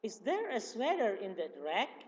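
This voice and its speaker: Male teacher with an Indonesian accent, patient and slow, repeats phrases, dull echoey classroom recording. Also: very high voice, huge pitch swings, a little hiss or hum. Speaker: religious school teacher. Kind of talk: classroom explanation. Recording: dull reverberant room recording.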